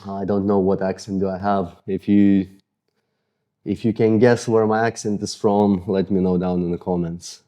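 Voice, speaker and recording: Deep-voiced and speaking at a moderate pace, a man with an Eastern European accent runs a casual follow-along mobility session as a fitness coach. He's sweaty just after working out and jokes about his own tight muscles. His manner is relaxed, casual, and self-deprecating.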